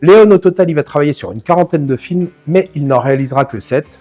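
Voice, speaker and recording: Talking fast in a dark-toned voice on the high side, a film-channel host gives a casual analysis of a classic film straight to camera. He's chatty, speaks to the viewer informally, and drops self-mocking asides while faint music plays.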